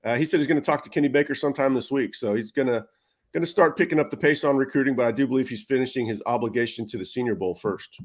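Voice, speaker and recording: A man giving casual football analysis, talking quickly with frequent fillers. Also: medium pitch. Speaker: recruiting analyst.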